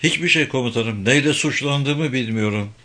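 A man's voice: medium pitch, moderate pace, pushed and bright, natural voice. A man reading a young male officer giving short, guarded answers under questioning in an audiobook.

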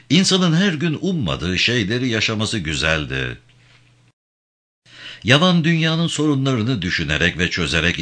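A man narrating a novel as an audiobook, with measured storytelling and vivid emphasis. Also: low voice, sharp tone.

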